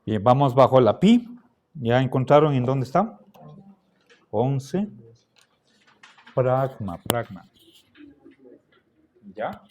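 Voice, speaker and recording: A man teaching a class, lecturing deliberately and checking in with his students again and again. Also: medium pitch, big pitch swings, a little mellow, a little hiss or hum. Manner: slow, deliberate, checks understanding with frequent "¿sí?".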